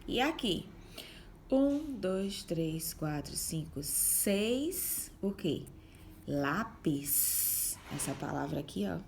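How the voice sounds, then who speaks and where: A woman's voice: medium pitch, sing-song, slow, creaky, a little mellow, slight background noise. A woman teaching young children, explaining a worksheet patiently step by step and sounding out syllables. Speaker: primary school teacher.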